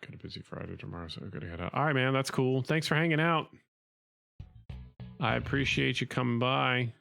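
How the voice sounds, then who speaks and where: A man's voice: mid-range voice, a little fast, creaky, fairly bright tone. A man streaming a video game live, chatting casually in a laid-back, joking way. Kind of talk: casual gaming livestream chatter. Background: game music.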